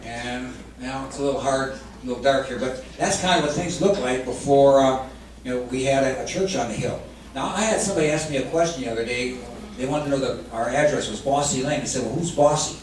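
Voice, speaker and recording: A man's voice: medium pitch, brisk. A man hosting an anniversary program who presents church history conversationally, with hesitant fillers. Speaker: event host. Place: church hall. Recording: very echoey hall, distant mic, noisy.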